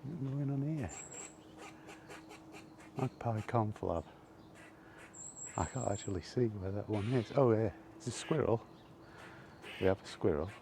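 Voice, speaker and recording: Out for a walk in the park, this British man vlogs in a loose, meandering monologue. His voice is fairly low, creaky and a touch slow, with frequent pauses, hesitations and mild complaints, all over loud outdoor ambience.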